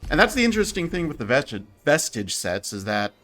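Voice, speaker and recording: A man's voice: on the high side, very animated, a little fast, a bit bright. Joking man explaining game mechanics. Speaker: stream co-host. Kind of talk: casual gameplay chat.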